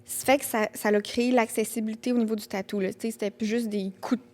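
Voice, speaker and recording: A woman's voice: on the high side, fairly even intonation, fast talker, darkish tone. A young woman with a Québécois accent hosting a casual chat, sharing statistics with playful swearing. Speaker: podcast host.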